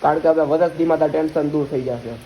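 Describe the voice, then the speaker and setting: A man's voice: a little high, steady tone, fast, dark tone. Chatty young Gujarati man, noisy. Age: young adult. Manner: chatty, addresses viewers as guys. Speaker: vlogger. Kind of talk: casual vlog chat.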